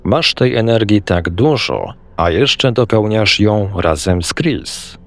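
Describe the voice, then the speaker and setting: A man reading the lines of a calm, wise old male sorcerer teacher, measured and gently amused. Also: on the low side, full character voice.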